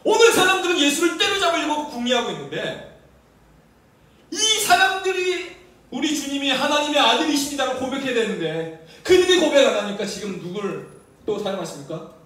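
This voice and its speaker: A man's voice: very high-pitched, very animated, brisk, pushed and bright. A man preaching a sermon as pastor, often asking the congregation questions. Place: church sanctuary. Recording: very echoey church hall, mic at a distance.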